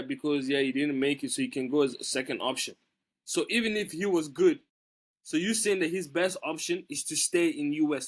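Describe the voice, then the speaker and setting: A man's voice: a little high, slightly rough. A man in a casual podcast debate who presses the others with the same pointed questions. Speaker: podcast co-host.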